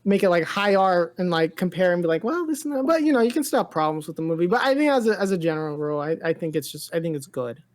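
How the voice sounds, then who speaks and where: A woman with a lowish, darkish voice talks fast and animatedly, barely pausing, as she co-hosts a pop culture podcast. She chats casually about movies, rambling, often repeating words and cutting herself off.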